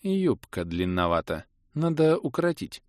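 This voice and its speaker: A man voicing a young girl who speaks slowly and thoughtfully with an eerie calm. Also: on the high side, dry recording, clean studio sound, voice pushed up. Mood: dreamy.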